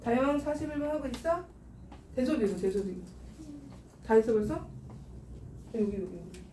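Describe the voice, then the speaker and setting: High-voiced woman teaching math. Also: normal speed, warm tone. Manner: coaxing, asks students questions constantly. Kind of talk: classroom teaching. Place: classroom. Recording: echoey room, picked up from a distance with background noise.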